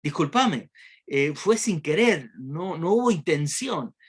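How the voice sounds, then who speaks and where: A huge, clumsy elephant begs again and again for forgiveness in a slow, plain voice, as a man puts him on. He sounds apologetic and pleading, as in a moral fable told aloud. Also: fairly high pitch, very animated, husky, voice pushed up, exaggerated voice.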